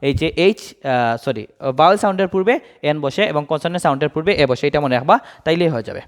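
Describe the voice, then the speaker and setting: A male English grammar teacher from Bangladesh. He explains the lesson by asking questions and answering them himself, dropping low and soft on each answer. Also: lively intonation, quick pace.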